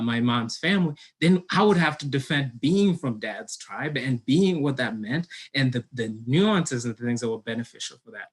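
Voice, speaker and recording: A young man from Kenya, a college admissions counselor, giving an earnest online presentation with many fillers and restarts. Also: medium pitch.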